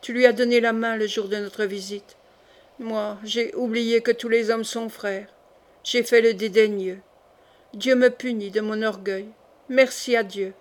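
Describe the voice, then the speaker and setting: Broken young nobleman, quiet and resigned, a woman reading it kinda high. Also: steady tone, unhurried, natural voice. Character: wounded young male nobleman, weak and resigned.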